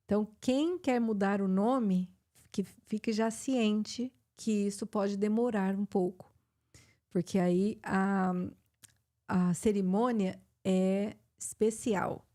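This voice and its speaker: With a warm tone and mid-range voice, a middle-aged woman teaching English hosts a live chat, her Brazilian Portuguese accent clear as she explains with frequent fillers and restarts.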